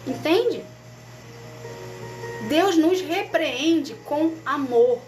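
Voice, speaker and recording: High-voiced Brazilian woman teaching the Bible. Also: lively intonation, extremely slow, a little mellow, faint music behind. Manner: conversational, often checks understanding with the audience. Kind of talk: casual livestream Bible study.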